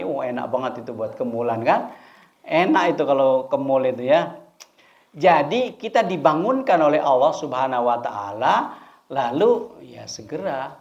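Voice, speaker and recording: A man giving a conversational religious study talk, often asking and answering his own questions. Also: mid-range voice. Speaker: preacher. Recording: dull lo-fi recording.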